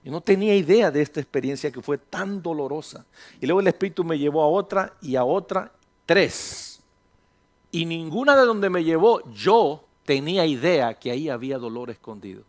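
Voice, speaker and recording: A male pastor preaching a sermon in a lively storytelling manner, slipping English phrases into his talk and acting out little dialogues. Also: on the high side. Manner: mixes English phrases into Spanish, acts out dialogues; slows down to stress words, then speeds up.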